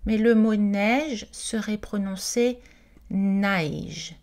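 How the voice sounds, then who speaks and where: A woman's voice: medium pitch, slow pace, darkish tone. A woman reading an informational presentation aloud, carefully and with the odd hesitant aside. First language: not Quebec French.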